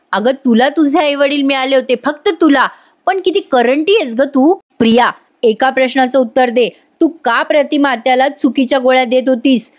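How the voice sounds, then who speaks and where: A woman's voice: high voice, natural voice. Stern scolding young woman, read by a woman. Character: angry young woman confronting her rival.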